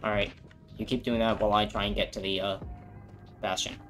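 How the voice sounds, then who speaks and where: A man chatting casually with friends while playing a game, excitable and yelling when things go wild. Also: on the low side, fairly quick, faint music behind. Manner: excitable, yells when hyped. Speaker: gamer. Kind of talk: casual gaming chat with friends.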